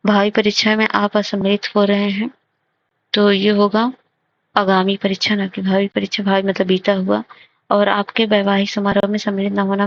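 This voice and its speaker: A woman teacher slowly explaining grammar test answers, repeating and correcting phrases as she goes. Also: medium pitch. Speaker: exam prep teacher. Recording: dull lo-fi recording.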